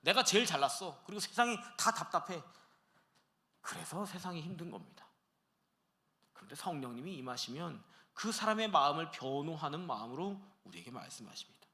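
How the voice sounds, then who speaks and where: A middle-aged man preaching a sermon as pastor, acting out everyday dialogue with animated delivery in a church. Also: a little high, brisk. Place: church sanctuary.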